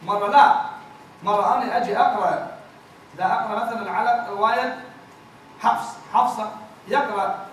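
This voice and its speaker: Male recitation teacher, very high voice, patient and repetitive, chants examples; booming echoey room, mic far off. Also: fairly bright tone, slight background noise. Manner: explains patiently, repeats words, chants verses slowly. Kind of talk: classroom lesson with chanted examples.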